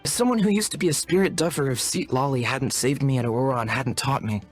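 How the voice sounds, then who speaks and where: With music behind him, an actor voices an earnest, courteous and wordy young shaman apprentice in a video game. His natural, medium-pitched voice is fairly quick, and he speaks formally and deferentially.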